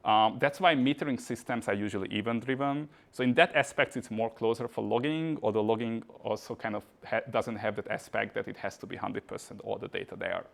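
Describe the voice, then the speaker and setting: A man's voice: fairly low pitch, brisk, gravelly, hardly any pauses. A man from Hungary, giving a casual tech meetup talk with frequent "uh" and "kind of" fillers. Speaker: conference speaker. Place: meetup venue.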